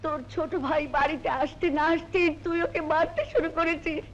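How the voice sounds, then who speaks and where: A woman's voice: very high voice, level tone, a little fast, highs cut off, very noisy. An actress playing a village mother in a melodramatic film, scolding one son and soothing the other. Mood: reproachful. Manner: reproachful, then tender and soothing. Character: a stern but loving village mother. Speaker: mother of the brothers.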